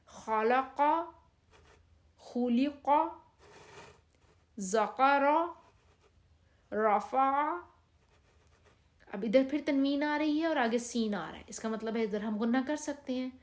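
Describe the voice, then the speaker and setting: A woman's voice: on the high side, darkish tone. Patient woman teaching recitation, Pakistani Urdu. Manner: patient, drawn-out reading of practice words. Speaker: Quran reading teacher. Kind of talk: step-by-step recitation lesson.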